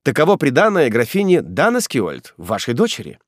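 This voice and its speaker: A man's voice: medium pitch, huge pitch swings, normal speed, no room sound, studio quality. A man voicing an old general delivering formal announcements in an audiobook.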